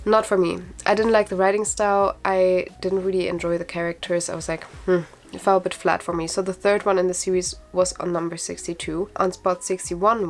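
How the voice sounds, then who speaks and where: A woman chatting casually on her video channel, giving frank opinions with lots of fillers. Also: medium pitch. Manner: frequent fillers like "like" and "actually". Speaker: book vlogger. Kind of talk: casual book ranking vlog.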